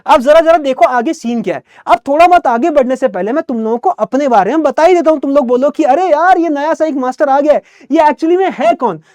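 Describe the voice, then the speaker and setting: A young man teaching English in an energetic online class, talking like a friendly big brother and often checking in with his students. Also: very high-pitched, no echo.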